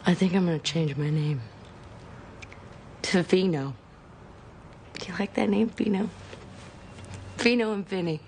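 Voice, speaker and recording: A drunk, taunting ex-addict. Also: female voice, lowish voice, a little slow, pauses often, a little mellow, slight background noise. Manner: slurring, taunting, mocking. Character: drunk woman, former meth addict, bitter. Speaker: character in a TV drama. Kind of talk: TV drama acting.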